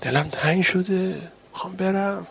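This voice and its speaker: A man preaching a sermon with great passion, rising to loud urgent cries and dropping to hushed, tender speech. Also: sits high, fairly even intonation, creaky, a little hiss or hum.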